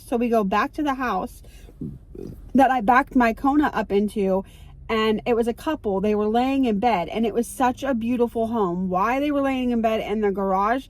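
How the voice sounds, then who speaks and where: Woman, middle-aged, somewhat high voice, chatty, excitable, casual vlog, parked car, phone mic. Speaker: vlogger. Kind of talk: casual chat.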